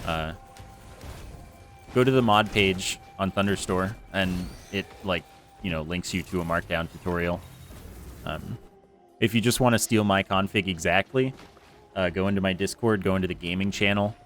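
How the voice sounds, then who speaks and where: A man with a low voice and a slightly bright tone talks a little slowly, leaving long pauses, as he streams a game from home. He rambles casually into a close desk mic with a foam screen, self-deprecating and heavy on fillers, in a room with an air conditioner and faint music behind him.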